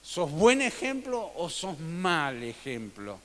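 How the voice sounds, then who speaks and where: A man preaching a sermon as pastor, swinging between loud emphatic peaks and soft, low drops. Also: wildly swooping pitch, slow pace. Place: church sanctuary. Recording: long reverb of a church hall.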